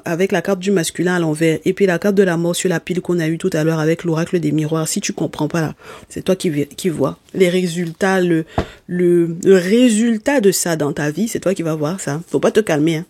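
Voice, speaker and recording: In a spoken tarot reading for viewers, a reader who isn't a native speaker, and whose first language isn't French, talks straight to listeners with affectionate terms, emphatic and scolding, pausing often for "okay?". The mid-range voice is brisk and slightly mellow, recorded without echo.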